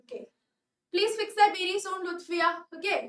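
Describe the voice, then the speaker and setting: Young Malayali woman tutor, very high and unhurried, coaxing and always checking understanding. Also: steady tone, fairly bright tone, echoey room, recorded from a distance. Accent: Malayali English. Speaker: online tuition teacher. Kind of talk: live online class, mixing Malayalam and English.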